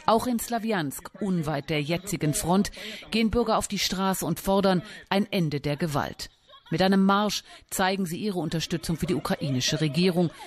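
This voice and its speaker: A woman reporting as a news correspondent, reading her report clearly and answering live with some hesitations. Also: lowish voice, moderate pace. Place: on location outdoors.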